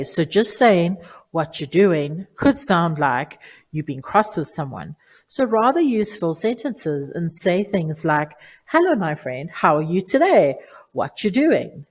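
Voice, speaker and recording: A woman teacher speaks to children in a low, steady register. Her delivery is clear and deliberate, and she leans on key words to drive each rule home. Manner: clear, deliberate instructive delivery with emphatic stresses. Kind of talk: lesson for children on online manners.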